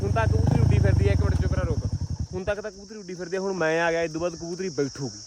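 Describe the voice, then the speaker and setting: A man with a Malwai Punjabi accent giving casual vlog commentary outdoors, complaining bluntly in rough village banter and repeating his words. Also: high-pitched, steady tone, very fast. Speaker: vlogger at pigeon-flying contest. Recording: noisy outdoor village ambience.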